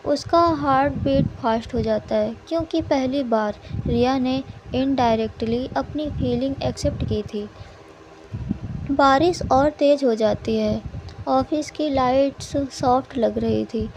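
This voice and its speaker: A woman narrating a scripted story in a calm, slow storytelling manner. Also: high-pitched. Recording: muffled, with steady background noise.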